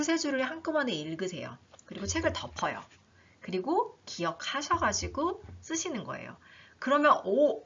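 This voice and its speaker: A woman teaching an English book in a lively online lesson, reading lines aloud and explaining them, often voicing the learners' questions herself. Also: medium pitch, breathy edge. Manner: animated, talks herself through learners' questions. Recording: dull lo-fi recording.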